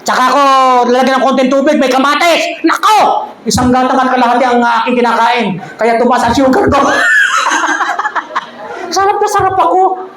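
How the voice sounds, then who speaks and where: A woman preacher with a high, bright voice delivers a sermon full of jokes and easy laughter, speaking straight to her congregation. Her voice rings through a roomy church hall, with a faint hum of ambience underneath. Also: moderate pace. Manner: addresses the congregation directly. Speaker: pastor.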